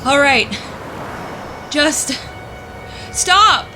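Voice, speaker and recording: A woman's voice: high voice, lively intonation, extremely slow, over music, voice pushed up, exaggerated voice. A woman voicing a frightened young woman calling out nervously in a horror story. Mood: scared. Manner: nervous, pleading, shouting.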